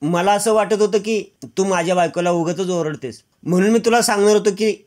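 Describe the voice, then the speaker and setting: A man's voice: high voice, a little fast, darkish tone, natural voice. A man reading out the lines of a playful, joking young husband.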